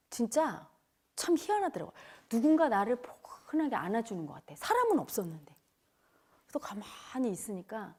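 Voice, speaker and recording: A woman spiritual teacher giving an emotional lecture, telling her story with loud outbursts that drop into hushed near-whispers. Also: medium pitch, breathy edge. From Cheongju area, South Korea.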